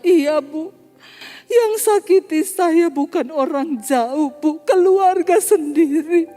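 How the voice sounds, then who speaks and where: Woman pastor, high voice, lively storytelling sermon; long church reverb, faint music under. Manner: animated, acts out dialogue, laughs at own jokes.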